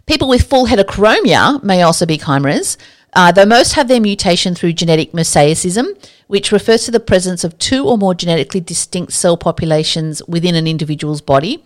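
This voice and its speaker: A woman's voice: on the low side, expressive, a little fast. A woman hosting a podcast, explaining science in a casual, chatty, enthusiastic monologue that drifts into asides. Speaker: podcast host.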